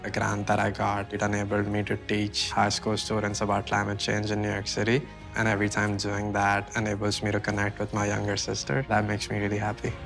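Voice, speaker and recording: A young man from Mumbai, India, telling his story in a college testimonial, quiet and earnest. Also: lowish voice, monotone, fairly quick, gravelly. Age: young adult. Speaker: student in a college video. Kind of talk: interview testimonial. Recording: faint music underneath.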